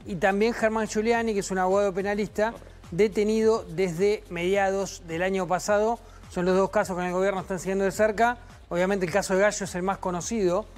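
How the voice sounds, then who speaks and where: High-pitched news host. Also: male voice, little pitch movement, a little fast, soft background music. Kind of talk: studio news discussion.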